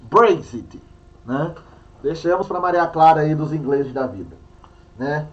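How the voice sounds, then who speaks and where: A man's voice: fairly high pitch, unhurried, muffled recording. A Brazilian man teaching an online history class, chatty and playful, with a Minas Gerais accent.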